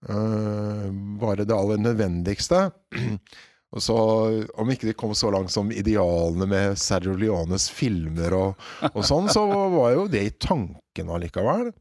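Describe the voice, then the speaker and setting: A man, a theatre director reflecting on his work in an interview, animated and full of hesitations. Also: lowish voice, no echo, clean studio sound. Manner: animated, hesitant with many fillers.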